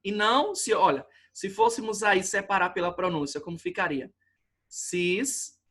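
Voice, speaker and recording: A man's voice: sits high, brisk, pushed and bright. A man with a Brazilian accent teaching a grammar lesson, patiently explaining at the board and often checking that students follow.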